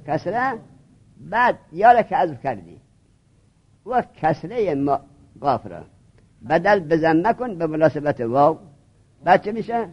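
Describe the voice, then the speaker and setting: In a dull lo-fi recording, a male teacher with a high-pitched voice drills and prods his students through a grammar lesson. His delivery is sing-song and broken up by long pauses.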